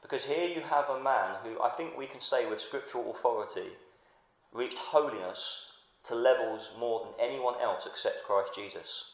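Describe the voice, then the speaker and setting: A man's voice: medium pitch, moderate pace. Earnest preacher man in an echoey hall. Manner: earnest preaching that builds in intensity, repeated restarts. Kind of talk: sermon.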